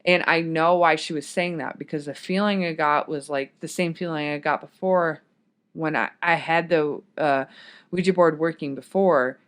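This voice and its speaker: A woman's voice: low voice, fairly even intonation, normal speed. Rambling woman telling a story. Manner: rambling, goes off on tangents. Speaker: podcast guest. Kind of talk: casual storytelling. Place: podcast studio.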